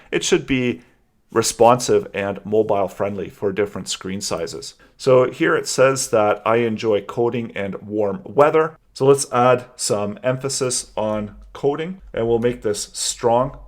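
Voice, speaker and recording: A man teaching a web coding tutorial, calmly and methodically explaining each step as he types code. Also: medium pitch. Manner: calm, methodical explaining while typing code. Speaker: coding instructor. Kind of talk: screen-recorded coding tutorial.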